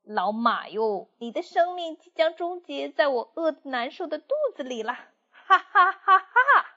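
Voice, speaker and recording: A woman's voice: high-pitched, animated, normal speed, lo-fi sound, voice pushed up. A woman voicing a boastful, hungry and hapless male grey wolf who groans and brags. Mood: gloating. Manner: groaning and sneezing, bragging.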